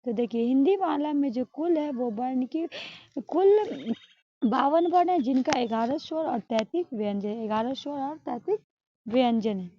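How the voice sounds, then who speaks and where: A woman's voice: high voice, expressive, normal speed, dark tone. A woman teaching an exam-prep grammar lesson, explaining step by step, asking questions and answering them herself. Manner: ends points with a checking "all right?". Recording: dull, lo-fi sound.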